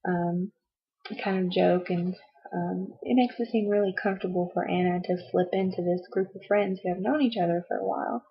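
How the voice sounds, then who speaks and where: Young woman, casual book vlogger, husky flat delivery, muffled home-video sound. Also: fairly low pitch, normal speed. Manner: chatty, rambling, frequent "um" and "like", laughs at herself. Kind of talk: casual book review chat.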